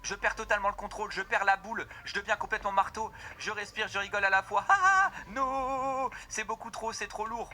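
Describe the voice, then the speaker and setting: A man's voice: high-pitched, level tone, fast, hardly any pauses, bright, forceful tone, a little hiss or hum, pitched above the performer's own voice. A man reading aloud the first-person lines of a young woman character in a game, describing what she feels after each potion. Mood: overwhelmed.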